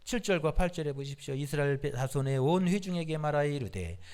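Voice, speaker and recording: A man preaching a fervent sermon, his voice riding high for a man. He drives his points home with repeated questions and cries of hallelujah, swinging between loud pleading and quiet, low-pitched urging. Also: expressive, brisk. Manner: impassioned, repetitive rhetorical questions, calls of hallelujah. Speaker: pastor.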